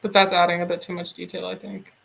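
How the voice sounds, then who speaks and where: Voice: mid-range voice, completely flat delivery, fast talker, creaky, sharp tone. A streamer in a casual drawing stream, musing aloud and swearing casually.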